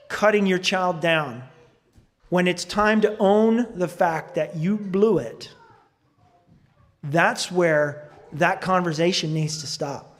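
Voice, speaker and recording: A man preaches in a church, his voice sitting noticeably high for a man. He talks earnestly and reads quoted advice aloud, pausing now and then with fillers as he gathers his thoughts. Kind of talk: sermon. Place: church sanctuary.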